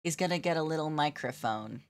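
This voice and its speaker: A young woman with a fairly low voice chats casually with her stream viewers while drawing. She giggles often and gushes over her work. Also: animated, a little fast. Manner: giggly, gushing, talks to chat.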